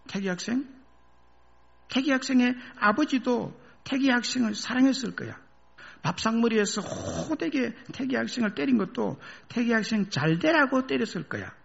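A man voicing a gentle older male professor who coaxes a student in an earnest, repetitive way. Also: sits high, vocal fry, slightly rough, dull audio, voice pushed up, exaggerated voice.

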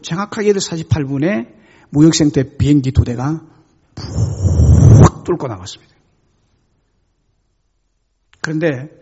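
A man's voice: fairly high pitch, darkish tone, breathy edge, highs cut off. A male pastor preaching a sermon, telling stories dramatically with sudden emphatic swings.

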